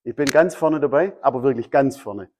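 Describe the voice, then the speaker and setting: A man's voice: medium pitch, fairly quick, a little mellow, slight background noise. A man preaching a sermon, emphatic and fond of repeating his key phrases. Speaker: pastor.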